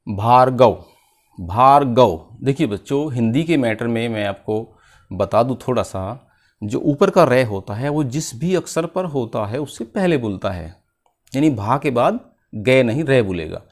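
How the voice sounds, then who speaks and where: A man's voice: medium pitch, animated, normal speed, darkish tone. A man teaching children to spell, asking a question and then answering it himself.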